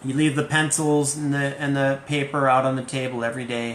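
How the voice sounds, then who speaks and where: A man co-hosting a live parenting stream, talking very slowly in a patient, teacherly way. His voice sits in an echoey room, with faint noise underneath. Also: mid-range voice, steady tone. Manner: slow, patient, teacherly, with gentle jokes. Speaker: parenting talk co-host, teacher.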